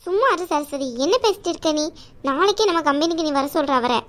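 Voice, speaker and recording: A woman's voice: sits high, animated, fairly quick, fairly bright tone. A woman voicing a middle-aged aunt in a cartoon, firm and bossy but affectionate. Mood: firm caring. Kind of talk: cartoon voice acting.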